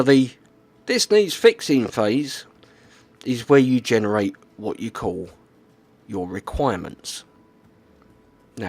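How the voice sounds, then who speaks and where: A man's voice: lowish voice, darkish tone, no room sound. A man explaining things in a casual, plainspoken monologue, often checking in with "okay?" and "right". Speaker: YouTuber.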